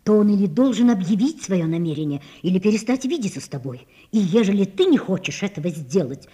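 A woman's voice: medium pitch, big pitch swings, brisk, warm tone, breathy edge. A woman voicing an earnest young woman who reasons with her friend in an audiobook. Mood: resolute. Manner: reasoning, firm, reproachful. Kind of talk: audiobook character reading.

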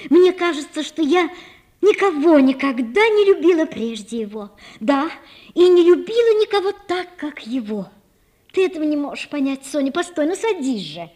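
A woman voicing a passionate, lovestruck young woman who pleads and shouts in an audiobook. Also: high-pitched, sing-song, normal speed, pitched above the performer's own voice. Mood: rapturous. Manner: emotional, pleading, breaks into shouting. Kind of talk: audiobook character reading.

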